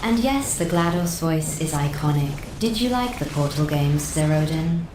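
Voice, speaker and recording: A text-to-speech robot voice of a woman, reading out chat messages in an even, mechanical way. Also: low voice, normal speed, recorded from a distance, slight background noise. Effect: synthetic text-to-speech voice. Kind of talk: flat read-out chat messages.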